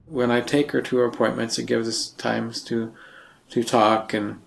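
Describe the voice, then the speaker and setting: A man's voice: medium pitch, level tone, moderate pace, vocal fry, a little hiss or hum. A man who cares for an elderly woman, speaking hesitantly with many fillers in a documentary interview. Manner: hesitant, full of "you know" fillers. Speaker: caregiver.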